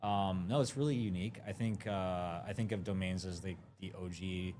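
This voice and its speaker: Deep-voiced man, relaxed conference guest. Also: normal speed, a little hiss or hum. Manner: relaxed, many ums and uhs. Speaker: guest, crypto marketing lead. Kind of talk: casual interview answers. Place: conference floor.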